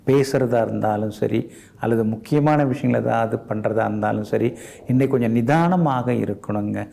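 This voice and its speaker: A man's voice: mid-range voice, creaky, warm tone. A man giving a daily horoscope as an astrologer, in a polite, advising way. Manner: polite and advising, ends sentences with respectful "ங்க".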